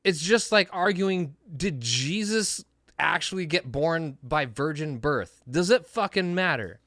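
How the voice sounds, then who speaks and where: A man's voice: a little high, lively intonation, unhurried, fairly bright tone, dry recording, clean studio sound. A man co-hosting a casual podcast, talking bluntly and with emphasis, swearing now and then. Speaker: podcast co-host.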